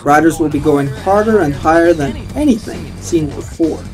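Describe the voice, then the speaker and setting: A young male streamer on a headset mic delivers a playful, upbeat mock radio DJ announcement in his own voice, which is a little high and a little mellow at normal speed. Faint game music plays in the background.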